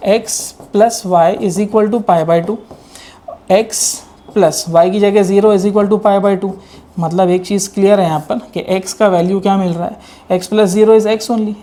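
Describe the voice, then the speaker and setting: Mellow-voiced male maths teacher. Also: sits high. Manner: explains step by step, asking students rhetorical questions; mixes English maths terms into Hindi. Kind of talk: online exam-prep lecture.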